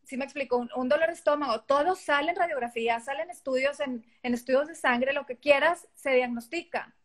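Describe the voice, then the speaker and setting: A woman's voice: sits high, a little fast. A middle-aged woman with a Mexican accent, a guest in a casual interview, talking animatedly and acting out quoted dialogue. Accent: Mexican Spanish.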